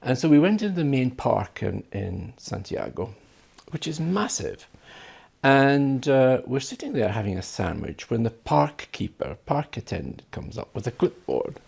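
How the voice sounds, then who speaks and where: Gravelly, raspy man from Scotland. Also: medium pitch, unhurried. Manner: lively, animated storyteller. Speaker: guest. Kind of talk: anecdote in conversation.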